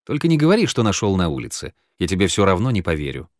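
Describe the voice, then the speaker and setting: A cool, sardonic man in an audiobook scene who questions others with dry mockery, as a male narrator puts him on. The voice sits low and unhurried. The recording is close and dry. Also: dry recording. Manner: dry, calm, mocking.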